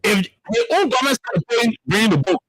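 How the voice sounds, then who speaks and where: A man from Liberia hosts a radio talk show in a studio, delivering heated political commentary in a Liberian English accent and repeating words as he searches for them. He talks fast in an extremely high, expressive, fairly bright voice, with no room sound.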